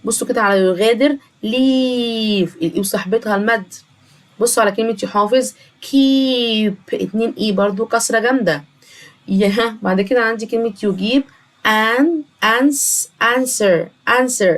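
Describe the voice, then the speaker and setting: A woman with an Egyptian Arabic accent, teaching a children's English lesson and slowly repeating each English word. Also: fairly high pitch. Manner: slow, drawn-out repetition of English words.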